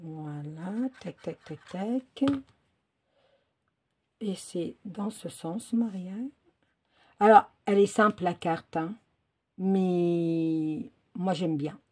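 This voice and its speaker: A crafting host from France chats casually through a card-making tutorial at home, talking to herself with many fillers and restarts. Her lowish voice is warm and slightly rough, very slow and often pausing, recorded indoors by a phone or camera trained on her work table.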